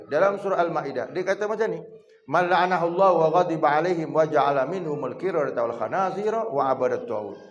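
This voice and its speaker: Joking Malaysian preacher in echoing mosque. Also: male voice, high-pitched. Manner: jokey, animated, keeps addressing the congregation. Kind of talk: mosque evening lecture. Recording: echoey mosque hall.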